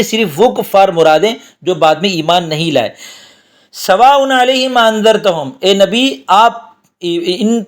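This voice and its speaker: Brief: fairly high male voice, patient teacher, speech, simplifies and repeats. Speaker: teacher of Quranic commentary. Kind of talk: explanatory lesson.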